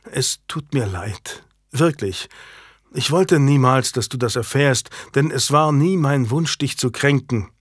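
A guarded medieval husband played by a man in an audiobook, gruff and curt. He speaks low, near the reader's own voice, with a dry, close sound. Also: unhurried, no room sound. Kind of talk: audiobook character reading.

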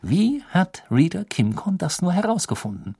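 A man reading an audiobook, voicing a clever teenage girl in a soft, hushed, confiding tone. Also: high-pitched, very animated, normal speed, creaky, breathy edge, no room sound, clean studio sound, voice pushed up, full character voice.

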